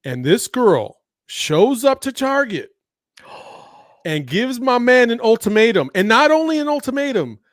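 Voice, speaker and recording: A man's voice: very high voice, measured pace, no echo, studio quality. A man co-hosting a podcast, telling stories with lots of laughter in casual chat. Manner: laughing, animated storytelling. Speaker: podcast co-host.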